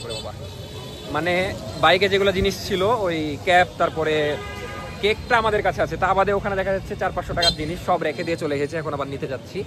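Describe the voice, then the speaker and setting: A young man, chatting as he vlogs a birthday surprise, sometimes dropping to a hush. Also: high-pitched. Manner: quick chatty, drops to a hush indoors. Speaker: vlogger. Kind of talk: casual vlog narration.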